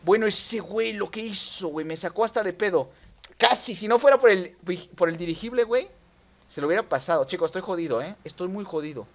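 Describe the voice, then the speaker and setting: Excitable Mexican gamer, high voice. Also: male voice, fairly quick. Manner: excitable, yelps and shouts at near misses. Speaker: gaming YouTuber. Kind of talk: live gameplay commentary.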